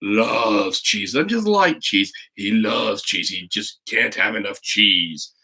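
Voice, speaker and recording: A middle-aged man from the United States speaks slowly and expressively, his fairly low voice carrying a sharp tone. He hosts a casual livestream from a makeshift home video corner, chatting loosely with viewers and a child and reading stories as a teacher would.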